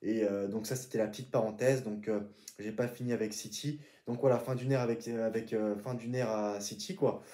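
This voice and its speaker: A man's voice: fairly low pitch, fairly even intonation, brisk, dark tone. Exasperated ranting man, roomy echo. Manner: heated, exasperated ranting with frequent "euh" fillers and repetitions. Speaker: football commentator YouTuber. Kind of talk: casual ranting football talk.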